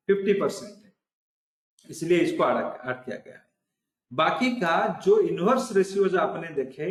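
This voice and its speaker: A man's voice: on the high side, roomy sound, poor audio. A man giving a recorded online trading lesson, explaining step by step and often restating his points. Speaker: trading instructor.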